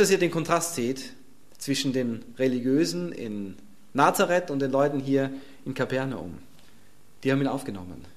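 A man's voice: mid-range voice, fairly bright tone. A male pastor preaching a sermon in an emphatic, conversational way and chuckling between points.

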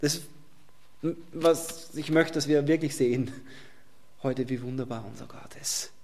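A male preacher giving a sermon and reading scripture, swinging from loud emphasis down to a soft near-whisper. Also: mid-range voice, unhurried, creaky, slight background noise.

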